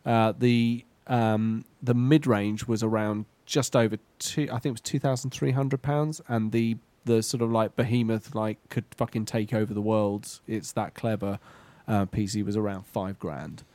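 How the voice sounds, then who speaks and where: A man's voice: lowish voice, steady tone, normal speed, few pauses, mellow, no echo. A man co-hosting a podcast, chatting casually, swearing freely and laughing often. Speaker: podcast co-host. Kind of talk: casual chat.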